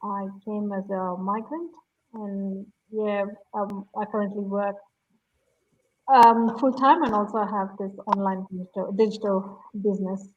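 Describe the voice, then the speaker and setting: Woman from India, soft and quick, tinny far-off call audio. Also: mid-range voice, fairly even intonation, a little hiss or hum. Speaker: panel guest.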